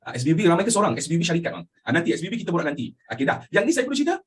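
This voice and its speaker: Animated Malaysian male history teacher. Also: a little high, very fast, husky. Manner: animated, asks students questions constantly, mixes in English phrases. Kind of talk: lively classroom lecture.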